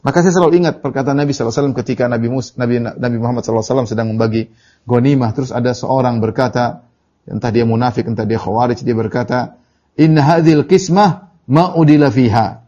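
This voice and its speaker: A man teaching Quran commentary, reciting Arabic verses and then explaining them, emphatic and animated when he quotes others. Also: mid-range voice, very fast. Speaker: Islamic religious teacher. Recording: dull lo-fi audio recording.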